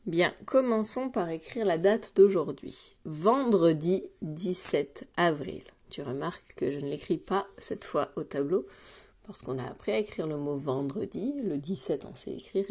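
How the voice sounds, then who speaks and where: A woman teacher leading a daily dictation lesson for young children, patient and clear, repeating each syllable and word slowly. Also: lowish voice, a little mellow. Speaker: primary school teacher.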